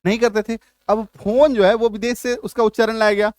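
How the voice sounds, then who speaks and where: With a high-pitched yet darkish voice, this middle-aged man speaks briskly and flatly in a dry recording. He teaches English spelling and pronunciation in Hindi, going over rules again and again and checking often that students follow.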